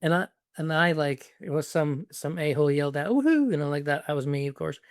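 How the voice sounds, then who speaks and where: A man hosting a casual conversation, telling stories in an animated way and laughing easily. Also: fairly high pitch, clear, resonant tone, dry recording, clean studio sound. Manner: animated storyteller, quick to laugh. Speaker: host.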